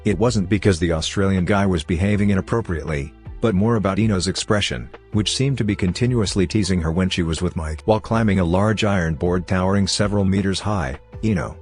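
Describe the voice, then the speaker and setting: Deep husky guy narrating a story, even and unhurried, soft music under it.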